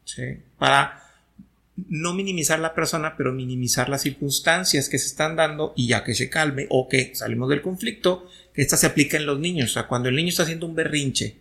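A man's voice: on the high side, a little fast, creaky, sharp tone. A man who hosts a talk show and explains ideas with everyday examples, often checking that he is understood. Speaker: host. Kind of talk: conversational teaching.

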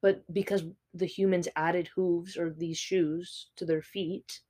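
Lively laughing young woman chatting. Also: fairly low pitch, slow pace. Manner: animated, laughs often, explains at length. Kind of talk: casual chat.

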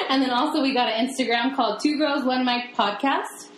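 A woman co-hosting a casual podcast, playful and quick to laugh. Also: high-pitched, echoey room, slight background noise, low-quality recording. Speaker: podcast co-host.

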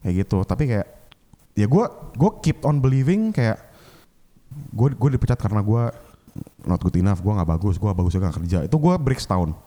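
An animated man telling a story in quick, rushing bursts, his pitch swinging widely as he goes. His voice sounds mellow and dark. He slips English phrases into casual chat. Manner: animated, mixes English into speech. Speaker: chef guest.

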